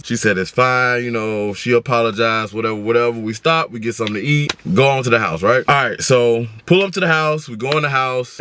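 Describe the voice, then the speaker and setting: Young american dude doing an animated storytime rant, slangy, kinda low voice, dry close sound. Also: male voice, dry recording. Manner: animated, slangy, acts out both sides of arguments. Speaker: storytime vlogger.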